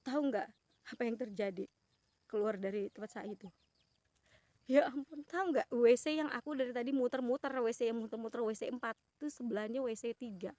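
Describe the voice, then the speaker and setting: High-voiced woman telling a story emotionally. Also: fairly quick, warm tone, no room sound. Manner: earnest, emotional retelling with exclamations and trailing restarts. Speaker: vlogger.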